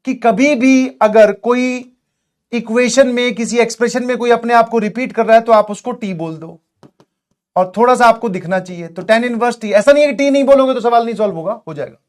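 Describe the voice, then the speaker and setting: A man's voice: very high-pitched, brisk. A man teaching math in a lecture, playful, acting out both sides of a dialogue with his students.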